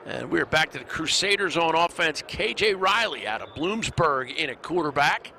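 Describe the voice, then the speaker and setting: A man doing brisk, upbeat play-by-play commentary of a live football game from a stadium booth. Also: on the high side, lively intonation, pushed and bright. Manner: brisk, upbeat calling of plays. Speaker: play-by-play announcer. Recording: broadcast mix with clear stadium noise.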